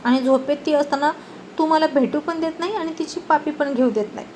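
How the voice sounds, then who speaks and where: A woman voicing a quick-tempered young husband who scolds his wife. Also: high voice, darkish tone, a little hiss or hum, voice pushed up, natural voice. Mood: playful.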